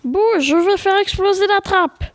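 A woman's voice: very high voice, a little slow, dry recording, voice pushed up. A woman voicing a reckless, cocky young boy in a read-aloud story, teasing and brushing off danger. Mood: urgent. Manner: teasing, reassuring, bold.

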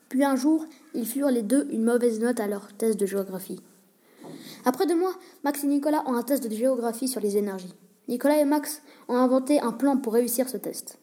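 A woman reading a short school story aloud in a plain, even way. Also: a little high. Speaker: story reader.

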